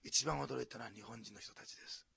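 A male pastor from preaching a sermon, dropping to hushed asides and then rising to loud, animated exclamations. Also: mid-range voice, fast, gravelly, slightly rough, no room sound. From Japan, Osaka.

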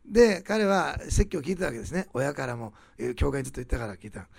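A man preaching a sermon, rising loud on key phrases and dropping to soft, quiet asides. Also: medium pitch, sing-song, quick pace, gravelly, husky, dry recording. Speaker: pastor.

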